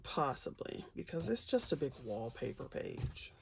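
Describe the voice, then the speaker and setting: A woman hosts a colouring book flip-through, chatting to viewers over the pages in a loose, unscripted, rambling way that's folksy and playful. Her voice sits low and creaky, she's very animated yet unhurried, and there's background noise.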